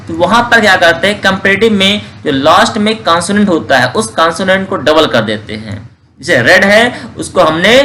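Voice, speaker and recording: Male teacher, lesson delivery, high and bright tone, slow drilled examples. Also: a little hiss or hum. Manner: drills word forms slowly, asks and answers own questions. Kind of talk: grammar lesson.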